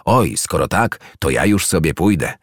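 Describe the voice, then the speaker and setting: A man's voice: low voice, sing-song, normal speed, dry recording, clean studio sound. A man voicing a small, timid but brave male hedgehog in a children's story, speaking politely and a little nervously.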